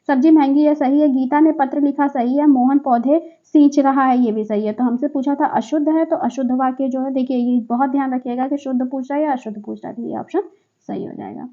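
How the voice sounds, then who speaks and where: A woman's voice: high voice, fairly even intonation, a little fast, narrow, tinny audio. A woman teacher explaining exam answers step by step, often checking in with the listener as she goes. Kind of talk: exam paper walkthrough.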